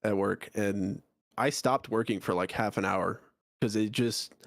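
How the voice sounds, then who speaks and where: A man co-hosting a casual podcast, blunt and quick to swear. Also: lowish voice, steady tone, gravelly, no room sound, clean studio sound. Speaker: podcast co-host. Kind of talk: casual chat.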